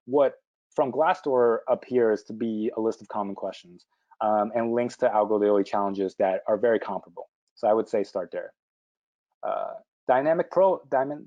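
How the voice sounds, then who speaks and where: A man presenting a live webinar, answering viewer questions quickly and informally, with frequent fillers and restarts. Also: medium pitch, warm tone, muffled recording.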